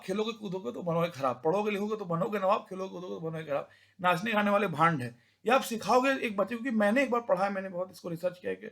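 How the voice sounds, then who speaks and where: A young man with a high voice and a gravelly edge talks informally, looping back on himself with restarts and repeated words. He slips into a rough rustic voice when he acts out elders from his village. The delivery is loose and unscripted. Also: fairly bright tone. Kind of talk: informal spoken talk.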